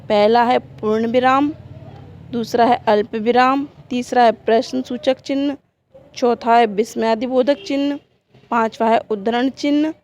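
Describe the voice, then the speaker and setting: A woman teacher talks her students through a grammar lesson. She speaks very slowly and deliberately, and stops to read out example sentences. Her voice sits fairly high, with a gravelly edge. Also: a little mellow, slight background noise.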